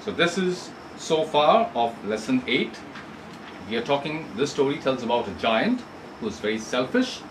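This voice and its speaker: A man's voice: mid-range voice, very animated, moderate pace, noisy background. A male English teacher giving an online class. He reads a textbook story aloud and explains it, asking students questions and rephrasing points. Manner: asks students questions, repeats and rephrases for clarity.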